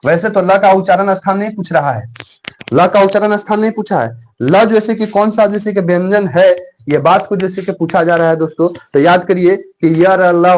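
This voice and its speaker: Man, high-pitched voice, grammar teacher, repetitive quizzing delivery, drawn-out letter drills, faint background hiss. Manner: repetitive, quizzes viewers, frequent filler phrases and "my friend". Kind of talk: online exam-prep lesson.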